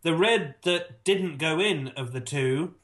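A man doing snooker commentary in a measured, shot-by-shot way, mixed with casual banter and dry, laddish humour. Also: fairly high pitch, a bit bright.

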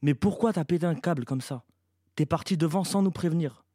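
A man's voice: takes it slowly, a little mellow, dry recording, studio quality. Man doing a stubborn, panicky young boy. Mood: agitated. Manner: raised, urgent pitch.

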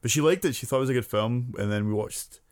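A man's voice: mid-range voice, fast talker, dry recording. A man co-hosting a podcast in casual chat, rambling and hunting for names and words. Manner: rambling, hesitant, searches for words. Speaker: podcast co-host.

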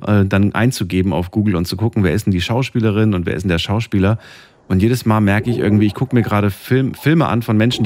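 Low-voiced, reflective man, dry sound. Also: no echo. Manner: reflective, animated talker who leads the conversation. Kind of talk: casual chat.

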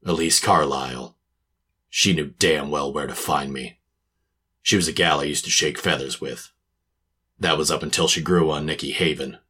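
A man's voice: rumbling low, pushed and bright, breathy edge, full character voice. A man playing a cynical hard-boiled private detective, narrating and talking in a clipped, sardonic tough-guy manner in a noir radio drama.

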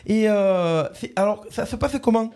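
A radio host doing a prank call, voicing a bumbling corporate communications manager who stammers and repeats himself. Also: male voice, high voice, a little slow, a little mellow. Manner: stammering, hesitant, repeats words.

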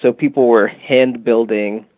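Over a tinny phone-line call, a man from a music marketing company is interviewed as a guest, explaining his company's product casually and peppering his talk with "you know" and "um". His mid-range voice has fairly even intonation and a measured pace, with no room sound.

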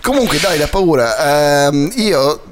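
A man's voice: a little high, expressive, slow. A man hosting a podcast, chatting casually as he interviews his guest. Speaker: podcast host. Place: podcast studio.

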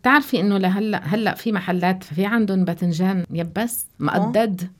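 A woman's voice: mid-range voice, fairly quick. A woman with a Levantine Arabic accent, interviewing in a casual, conversational way with frequent affirming prompts.

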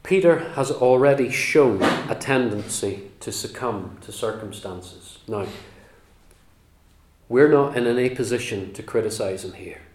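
A man preaching a sermon, teaching the Bible in an earnest, emphatic way with measured pauses. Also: mid-range voice, darkish tone. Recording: roomy echo.

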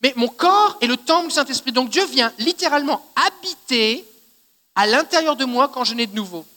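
A man with a Québécois French accent preaches a sermon in a high, bright and sharp voice. He teaches in a chatty way and keeps checking that his listeners follow. His voice rings with a long reverb, as in a church hall. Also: animated, moderate pace. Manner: conversational teaching, often checking in with "d'accord?". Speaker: pastor.

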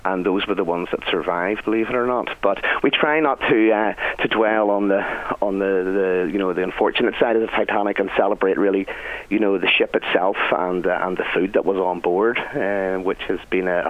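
A man's voice: sits low, fairly even intonation, a little fast, narrow, tinny audio. A middle-aged man with a Northern Irish accent, chatting and telling anecdotes as a guest chef in a radio interview. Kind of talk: conversational radio interview answers.

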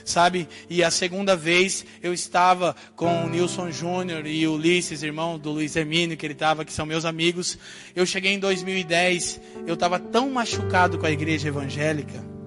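A man from Brazil giving an animated sermon testimony, swinging from hushed asides to loud outbursts. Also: on the high side, moderate pace, music in the background. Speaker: preacher telling his testimony.

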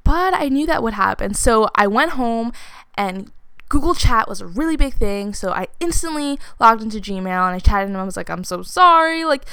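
A woman's voice: a little high, lively intonation, moderate pace, fairly bright tone, smooth, no room sound. Chatty young woman telling a story. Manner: chatty, many "like" fillers, laughs while talking. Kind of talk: casual personal storytelling.

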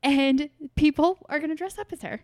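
A woman's voice: sits high, normal speed, darkish tone, dry recording, studio quality. A young woman co-hosting a podcast, chatty, upbeat and teasing in casual talk. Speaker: podcast co-host. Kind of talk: casual chat.

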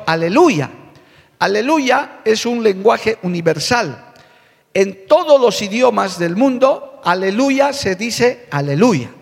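A man preaches a fervent church sermon in a high, gravelly voice. He stretches key words slowly, then hurries through phrases. His voice rings with the long reverb of a large church hall. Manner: fervent preaching, repeats "hermano" and "alabado el nombre de Jesús". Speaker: pastor. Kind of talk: sermon with opening prayer.

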